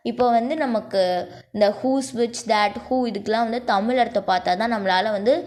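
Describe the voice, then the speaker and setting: A woman teaches a grammar lesson as a voice-over on slides. She explains each point step by step and keeps checking that her students follow along. She slows down when she reads out lists of words. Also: fairly high pitch, steady tone, darkish tone. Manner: explains step by step, repeats "okay?" to check understanding; slows down to dictate word lists. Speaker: English teacher.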